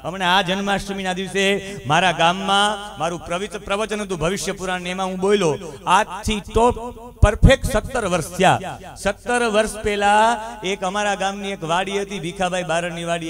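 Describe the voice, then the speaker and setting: A man's voice: high-pitched, fairly bright tone. A man preaching to an outdoor gathering, impassioned and full of rhetorical questions. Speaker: religious speaker. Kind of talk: sermon to a crowd. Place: open ground gathering.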